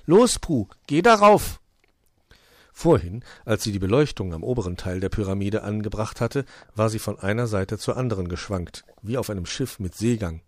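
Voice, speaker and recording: A man reading a children's story aloud with an expressive storytelling cadence. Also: on the low side, brisk, few pauses, no echo, clean studio sound. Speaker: narrator.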